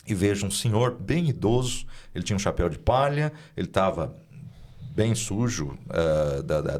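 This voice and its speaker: A male pastor with a low voice tells a long testimony as an interview guest. He speaks earnestly and often checks in with short tag questions. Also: a little mellow. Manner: earnest, narrative, with many "né?" tags.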